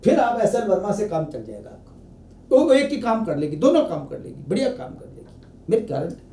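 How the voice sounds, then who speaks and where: A man's voice: high voice, sing-song, a little fast, warm tone, a little hiss or hum. A male political science teacher, giving exam preparation advice to students in a direct, repetitive way. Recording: echoey room, far from mic.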